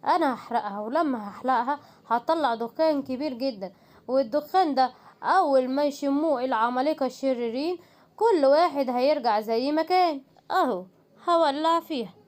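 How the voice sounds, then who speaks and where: A woman with an Egyptian accent voicing a caring father lion who asks quick questions and gives calm orders in a homemade cartoon. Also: sits high, natural voice. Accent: Egyptian Arabic.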